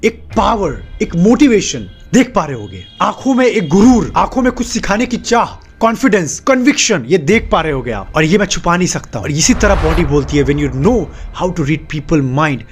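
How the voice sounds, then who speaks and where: Animated high-voiced man, emphatic. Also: moderate pace, hardly any pauses, slight background noise. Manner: animated, emphatic, piles up short repeated phrases. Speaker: self-help video host. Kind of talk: motivational monologue to camera.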